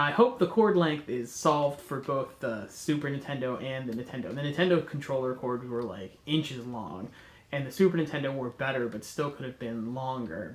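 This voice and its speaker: The host, a North American man nasal and stuffed up from a cold, keeps up an enthusiastic, self-correcting ramble in his casual chat. His voice is medium-pitched, with a roomy sound and slight background noise.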